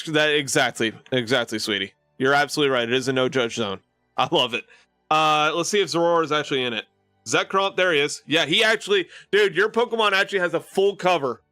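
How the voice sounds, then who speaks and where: A man's voice: fairly high pitch, fairly quick, bright, forceful tone, dry recording, clean studio sound, faint music behind. A man live streaming and chatting casually with his viewers, rambling with lots of fillers and restarts.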